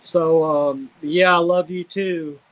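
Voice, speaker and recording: A man's voice: a little high, fairly even intonation, slow pace, a bit bright, poor audio. A man giving a casual live storm update to viewers in a rambling, hesitant, conversational way. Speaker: livestreamer giving a hurricane update. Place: outdoors outside own house ahead of a storm.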